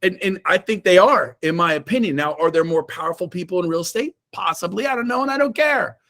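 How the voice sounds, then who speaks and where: A middle-aged man giving a fired-up motivational talk to his real estate team over a video call. He is emphatic and swings from shouts to low asides. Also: fairly quick. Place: indoors, own room on a Zoom call.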